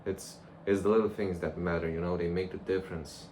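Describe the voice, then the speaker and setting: A man's voice: low voice, steady tone, a little fast, darkish tone. A young man rambling casually and reflectively to a camera, in a loose conversational monologue. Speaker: vlogger. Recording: clear background noise.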